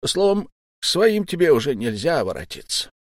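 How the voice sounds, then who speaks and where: A man voicing a sly, smooth-talking old pirate captain whose mock friendliness hides a threat, in an audiobook. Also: fairly high pitch, very animated, moderate pace, dry recording, clean studio sound, voice pushed up. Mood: coaxing. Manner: mock-friendly, coaxing, menacing underneath.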